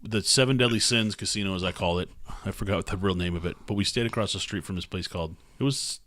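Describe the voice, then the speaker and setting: A man's voice: low-pitched, quick pace, a bit bright, no room sound, clean studio sound. A man hosting a casual podcast chat among drinking friends, rambling through a story and laughing at it. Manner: rambling storyteller, laughs at his own tales. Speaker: podcast host.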